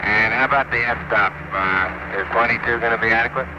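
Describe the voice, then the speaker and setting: A man's voice: mid-range voice, a little fast. A man speaking in procedural, clipped phrases over a two-way radio, as a spaceflight communicator in a radio exchange. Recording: muffled, noisy 1960s space radio transmission. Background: loud radio static and hiss.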